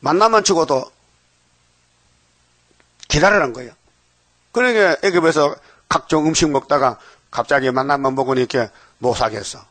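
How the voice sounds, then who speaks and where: Older male pastor, dawn sermon, a touch high-pitched, close and dry, acts out the story's voices. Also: normal speed, pauses often, fairly bright tone, no echo. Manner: questioning the congregation, acting out quoted voices. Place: church sanctuary.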